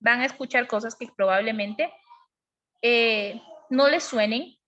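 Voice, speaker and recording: A high-pitched woman leads a parenting lesson. She explains patiently and keeps asking her listeners whether they follow. The sound is dull and lo-fi. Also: measured pace, sharp tone. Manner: explanatory, asks frequent checking questions. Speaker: parenting educator. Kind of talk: online class on emotional parenting.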